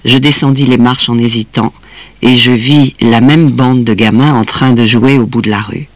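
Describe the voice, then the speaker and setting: A man with a mid-range voice tells a story aloud, measured and expressive. The sound is dry and close, without any echo. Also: medium pitch. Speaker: reader.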